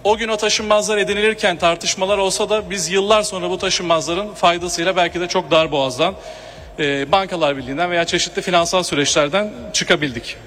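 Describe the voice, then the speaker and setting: A man speaking from a podium microphone in a large hall as he addresses a general assembly. He delivers a formal, measured speech with hesitating fillers. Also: high voice, a bit bright, soft background music. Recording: long hall reverb, faint room noise.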